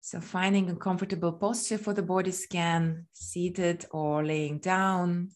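Guiding a body scan meditation, this woman sounds soothing and gentle, pausing at length between phrases. Her voice sits on the lower side, and her intonation is fairly even.

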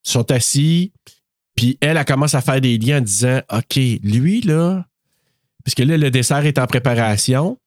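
A man's voice: mid-range voice, brisk, no room sound, clean studio sound. A man with a Québécois accent, co-hosting a podcast and retelling a film in casual talk full of fillers. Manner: animated retelling with many fillers. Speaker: podcast co-host.

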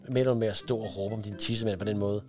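A man's voice: lowish voice, music in the background, natural voice. A man voicing a sneering, hot-tempered schoolboy bully in a read-aloud children's story. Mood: taunting. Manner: taunting, aggressive.

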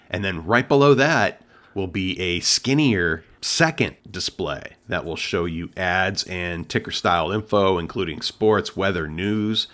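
A man with a very low, deep voice chats casually as a co-host of a tech podcast. He talks things through in an easygoing way and lets out small chuckles between points. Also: fairly bright tone. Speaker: co-host of a home theater tech show.

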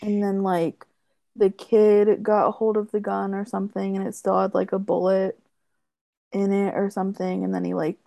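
A woman's voice: mid-range voice, level tone, moderate pace, creaky, mellow, no room sound. A woman co-hosting a podcast, chatting casually and recapping episodes with lots of fillers. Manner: chatty, many fillers, quotes characters with laughs. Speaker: podcast co-host. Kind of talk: casual chat recapping a TV show.

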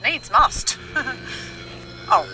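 A woman's voice: high-pitched, animated, drawn-out words, pushed and bright, faint music behind, poor audio. A woman in her thirties playing a chatty, lonely female survivor, giggly and rambling. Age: 30s.

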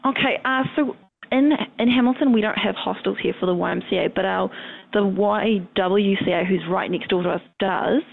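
Gravelly New receptionist over the phone. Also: female voice, medium pitch. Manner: quick, helpful, businesslike. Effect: heard over the phone. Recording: tinny phone line.

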